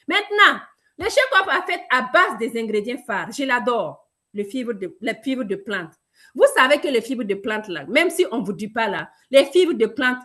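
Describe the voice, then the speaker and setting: Woman from Burkina Faso, high voice, emphatic sales trainer talking straight to the audience. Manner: lively, emphatic, addresses listeners directly. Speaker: product presenter.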